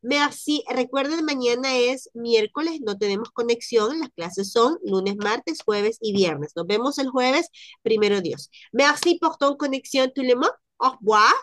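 A woman's voice: on the high side, animated, measured pace, fairly bright tone, no room sound, studio quality. Woman teaching French pronunciation online. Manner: drills pronunciation by repeating sounds. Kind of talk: online language class. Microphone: video call.

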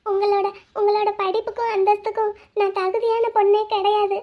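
Woman voicing young cartoon heroine, very high voice, sad, resolute, lo-fi. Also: flat delivery, a little fast. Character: young woman, poor and proud, tearful. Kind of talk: cartoon drama dubbing. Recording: dull lo-fi audio.

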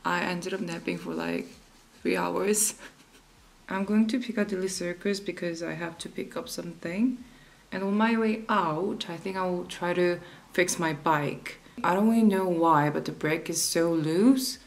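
A woman in her twenties talking casually to the camera in a small flat, chatty and upbeat with a self-deprecating touch. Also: lowish voice, unhurried, gravelly. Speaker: vlogger. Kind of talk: casual vlog talk to camera. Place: small flat at home, indoors.

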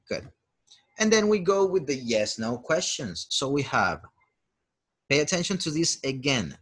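A man's voice: mid-range voice, a bit bright, slightly rough. A man whose first language is Spanish, teaching English grammar as a chatty, encouraging video host. He switches between Spanish and English and drills example sentences. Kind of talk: lesson.

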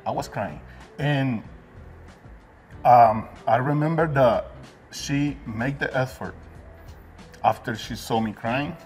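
A man's voice: medium pitch, slow pace, pauses often, a little mellow, slightly rough, faint music behind. Earnest Guatemalan-born man hosting a chat. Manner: plain-spoken, earnest storytelling with fillers. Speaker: host. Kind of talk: casual interview. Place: detailing supply shop, indoors.

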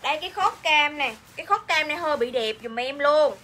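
A woman's voice: sits high, animated, brisk, sharp tone, a little hiss or hum. A woman with a Southern Vietnamese accent selling clothes on a livestream, chatting and repeating each line to coax her viewers. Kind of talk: live-sale selling chat.

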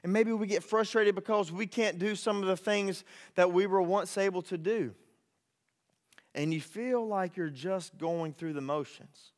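A man's voice: high-pitched, a little slow. A young man, preaching a sermon as pastor in an earnest, conversational way that rises to pleading. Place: church sanctuary. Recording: reverberant church sanctuary.

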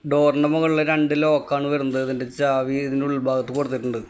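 Fast-talking electrician explaining wiring work. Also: male voice, medium pitch, flat delivery, a little mellow. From Kerala, India. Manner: instructive, matter-of-fact. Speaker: electrician and channel host. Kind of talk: on-site how-to narration. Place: outdoors at a house build site.

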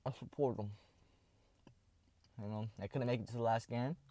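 A teenage boy rambling offhand through a casual snack review in his parked car, often dropping into low, soft asides. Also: fairly even intonation, moderate pace.

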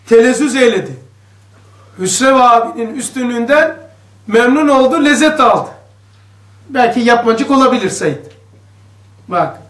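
Man with a cave-like echo, very high voice. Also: a bit bright. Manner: conversational, explains each passage and questions the listeners. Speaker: religious study circle teacher. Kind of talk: reading a religious text aloud and explaining it to a group. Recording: echoey room, voice distant from the mic.

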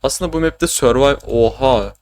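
A young man from Turkey streams a game and chats the whole time, mid-pitched and loose, cracking jokes and swearing freely. He talks in a casual, rambling way with frequent bursts of laughter. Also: unhurried. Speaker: gaming streamer. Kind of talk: casual gaming commentary.

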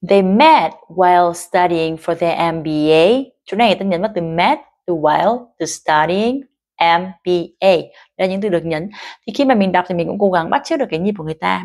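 A woman leads a pronunciation lesson. She explains points patiently in a clear, even, mid-pitched voice, then slows right down to model each phrase. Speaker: English pronunciation teacher.

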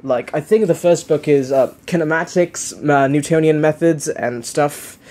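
A man's voice: fairly high pitch, unhurried, a little mellow. A young man giving casual, unscripted unboxing commentary, rambling and hesitant as he keeps correcting himself. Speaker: unboxing video host. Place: living room, indoors.

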